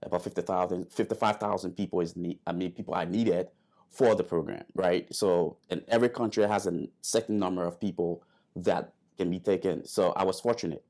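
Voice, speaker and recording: A man's voice: low-pitched, fairly even intonation, fairly quick, a little mellow. A man, a guest telling his story in an interview, hesitant with many fillers and restarts. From Liberia. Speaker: guest, airman.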